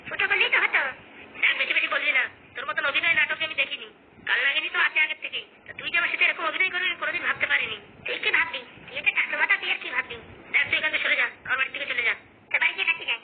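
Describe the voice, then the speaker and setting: High, rapid-fire cartoon voices trade scolding rustic banter, all voiced by one woman. The delivery races along at breakneck speed. The sound is thin and tinny, as if over a phone line. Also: slight background noise, natural voice. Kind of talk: Bengali cartoon dialogue. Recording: tinny phone-band audio.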